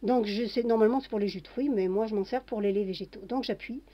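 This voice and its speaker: Narrating each step of a kitchen demo with small fillers, a woman who vlogs about home cooking speaks casually at a quick pace. Her voice sits at medium pitch, and the home recording is dull and lo-fi.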